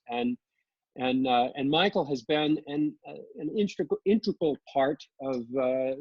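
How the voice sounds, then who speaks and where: A man hosting a live-streamed winery interview, talking in a halting way with many fillers and restarts. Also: mid-range voice, darkish tone, breathy edge, dry recording. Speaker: host. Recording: dull lo-fi livestream audio.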